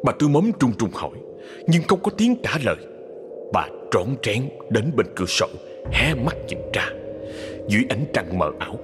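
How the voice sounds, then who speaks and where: A man narrating a ghost story in a dramatic scripted style, slowing for suspense. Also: mid-range voice. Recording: husky voice in long reverb with music.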